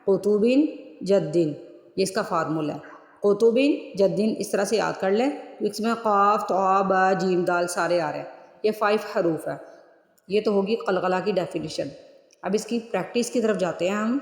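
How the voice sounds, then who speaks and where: A man teaching a tajweed lesson to his students. He drills letters and words slowly and repeats each one several times, in a patient, instructive tone. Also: high-pitched, creaky. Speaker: Quran recitation teacher. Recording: roomy recording with long reverb tail.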